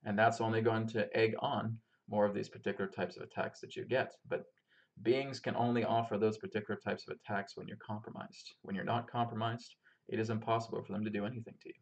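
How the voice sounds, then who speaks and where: A man's voice: fairly low pitch, little pitch movement, fast talker, creaky. A man giving an informal spiritual teaching talk to his listeners, emphatic and repetitive, often checking in with them. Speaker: spiritual teacher and healer hosting a live Q&A.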